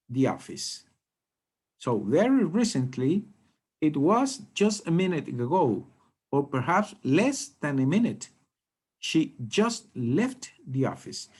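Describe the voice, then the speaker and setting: A male English teacher walks through a grammar lesson in a slow, measured way. His pitch rises and falls widely as he stresses words, and he often pauses to check in before moving on. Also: a little mellow, breathy edge.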